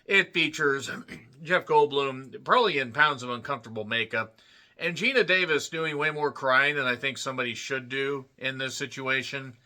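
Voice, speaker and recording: A man's voice: medium pitch, moderate pace, bright, forceful tone. A man giving a casual solo movie review, rambling into jokey asides, puns and self-mockery. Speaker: film reviewer.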